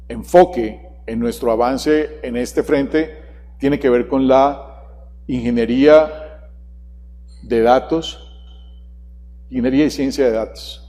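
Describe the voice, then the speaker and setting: A conference presenter with a warm, mid-range voice delivers a keynote in a large conference hall, posing questions to the audience. Long hall reverb trails his words.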